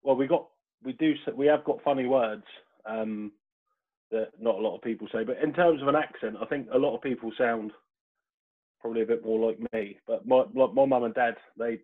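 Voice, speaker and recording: A man's voice: medium pitch, brisk. English man with a Portsmouth accent on a tinny call line. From Portsmouth, England. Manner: relaxed, storytelling, laughs easily. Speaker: podcast guest. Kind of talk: casual chat. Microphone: video call. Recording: tinny phone-like call audio.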